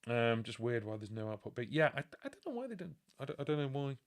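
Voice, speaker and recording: A man's voice: medium pitch, sing-song, fast. A man in his forties from the UK, casually chatting on a music live stream and answering viewer questions with lots of fillers. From United Kingdom. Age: 40s.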